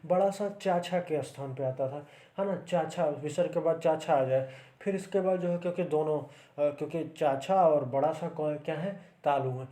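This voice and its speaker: A man's voice: fairly high pitch, moderate pace, few pauses, mellow. A man teaching grammar for exam preparation, explaining step by step and checking in often with the viewer. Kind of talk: exam-prep grammar lesson.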